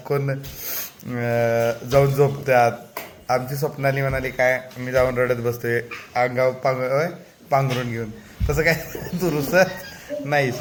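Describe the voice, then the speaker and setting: A man with a Marathi accent, a teacher gently teasing and coaxing a young pupil with questions in a classroom interview. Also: on the high side, slight background noise.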